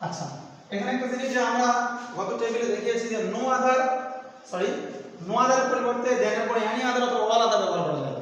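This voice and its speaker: A teacher giving a grammar lesson, explaining step by step and asking questions, then answering them himself. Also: male voice, very high voice, a little fast, fairly bright tone, slight background noise. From Bangladesh. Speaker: assistant teacher. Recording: echoey room, voice far from the mic.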